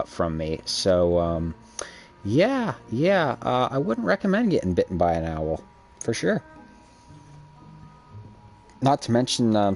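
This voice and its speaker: A man's voice: sits low, a little mellow. A man giving casual let's-play commentary over a game, rambling with many ums and uhs. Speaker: gameplay commentator.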